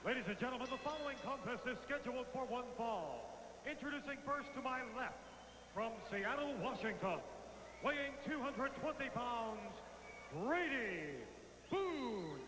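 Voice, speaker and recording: Male wrestling ring announcer, high voice, slow formal delivery booming through a reverberant arena PA. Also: expressive. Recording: echoey arena PA, reverberant, noisy.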